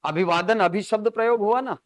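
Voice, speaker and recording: A man's voice: high-pitched, brisk, no room sound. A man teaching grammar in a live coaching class, explaining through examples and constantly checking in with his students.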